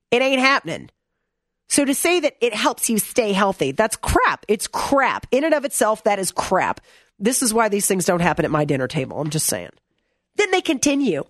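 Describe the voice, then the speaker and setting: A woman's voice: fairly high pitch, no echo, studio quality. A woman hosting an opinion commentary segment, reading text aloud and mocking it in a sarcastic, blunt, exasperated way. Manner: reads text aloud and mocks it.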